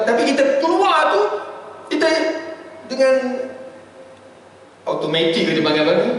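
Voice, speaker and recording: A Malaysian man preaches at a dawn lecture in a high, restless voice that swings widely as he teases his listeners. He slows down to chant Arabic verses. The sound comes from a distant mic in a heavily echoing mosque hall with a faint hiss underneath. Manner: animated and joking, addresses listeners as sirs.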